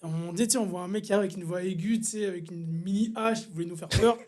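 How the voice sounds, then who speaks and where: A young man with a Swiss French accent and a high-pitched voice talks fast as a podcast co-host. In casual chat he tells a funny story with animation, laughing all the way through.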